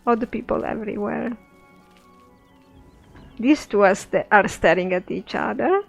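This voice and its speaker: A woman's voice: mid-range voice, unhurried, gravelly, faint music behind. A woman giving casual game commentary, thinking aloud and sometimes speaking as her character. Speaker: let's play narrator.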